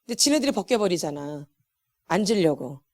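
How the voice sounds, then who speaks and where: A middle-aged woman teaching a church healing class, with an animated, emphatic delivery that repeats words for stress and laughs between lines. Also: lowish voice, a little fast. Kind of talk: church lecture.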